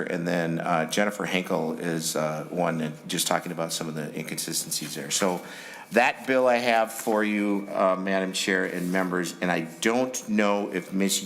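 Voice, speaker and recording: A man gives a loose, semi-formal presentation of a bill. His voice is low and creaky. He moves haltingly, rambling through broken phrases. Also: fairly bright tone.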